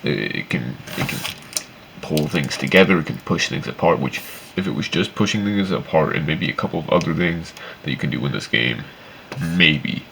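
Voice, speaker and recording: A man's voice: very deep voice, lively intonation, moderate pace, vocal fry, a bit bright, slight background noise, low-quality recording. A man giving casual, opinionated game commentary in a rambling, sweary, complaining way. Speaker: video game reviewer.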